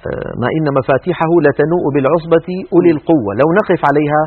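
Fast-talking man teaching recitation over tinny audio. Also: fairly high pitch, fairly even intonation, breathy edge. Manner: explanatory, demonstrates recitation with drawn-out sounds. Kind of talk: televised tajweed lesson.

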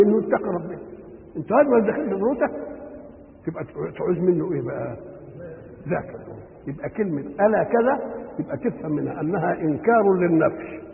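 A man's voice: high voice, expressive, quick pace, gravelly. A man with an Egyptian accent giving a Quran commentary lesson, who keeps asking questions and answering them himself. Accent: Egyptian Arabic. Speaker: religious teacher. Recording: tinny lo-fi recording with long hall reverb.

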